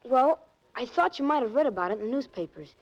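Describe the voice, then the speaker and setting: A woman with a high, lively voice and quick pace plays a plucky, trusting young boy in a 1940s radio drama. She talks in earnest, streetwise slang, sounding insistent, on a muffled vintage recording from the era.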